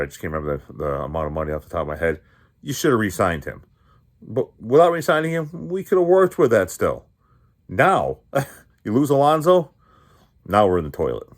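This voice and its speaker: New guy ranting on his own show, lowish voice, gets loud then mutters, lots of rhetorical questions. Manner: agitated, swings from loud outbursts to muttering. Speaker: podcast host. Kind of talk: fired-up sports rant.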